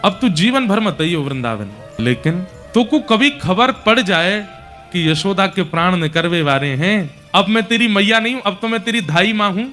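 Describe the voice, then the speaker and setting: A man's voice: high voice, lively intonation, normal speed, soft background music. A man voicing a grieving old village mother. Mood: pleading. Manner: soft pleading, choked with sorrow. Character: grieving elderly village mother, tender and pleading.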